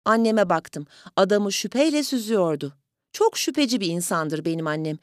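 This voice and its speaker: A woman reading a story aloud in an even, measured storytelling manner. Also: medium pitch, dry recording, studio quality. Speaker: audiobook reader. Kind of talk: scripted story narration.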